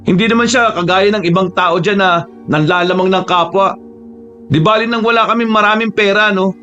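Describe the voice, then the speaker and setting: A man voicing a gentle, patient young male worker who speaks softly and mildly. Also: sits high, moderate pace, muffled recording, soft background music, voice pushed up. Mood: earnest. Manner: soft-spoken, mild.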